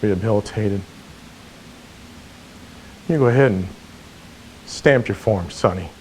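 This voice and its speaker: A man's voice: fairly low pitch, unhurried, darkish tone, slight background noise, natural voice, low-quality recording. An actor playing a remorseful, aging male prisoner facing a parole board, weary and bitter in manner.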